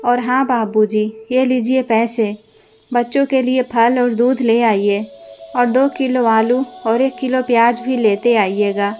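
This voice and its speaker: A woman's voice: a little high, steady tone, a little slow, a little mellow, close to an everyday voice. A woman voicing a harsh, scornful young wife who bullies her in-laws, with faint music behind. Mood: scolding. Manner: scolding, taunting.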